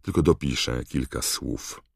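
A man's voice: very deep voice, unhurried, creaky, breathy edge, no room sound, studio quality, full character voice. A man voicing a friendly teenage boy wizard in an audiobook. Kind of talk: audiobook character reading.

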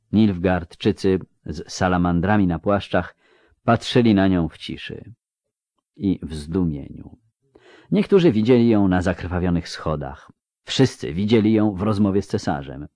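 A man narrating an audiobook with an expressive, dramatic reading. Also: deep voice, no room sound, clean studio sound. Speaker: audiobook reader.

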